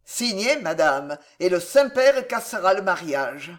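A woman voicing a cold, ruthless old nobleman who speaks in measured, unhurried tones in an audiobook reading. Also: on the low side, very animated. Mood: cold menace.

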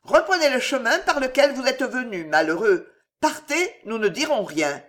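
Brief: a proud young woman, high-pitched, sharp and imperious, as a storyteller puts her on. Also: expressive, normal speed.

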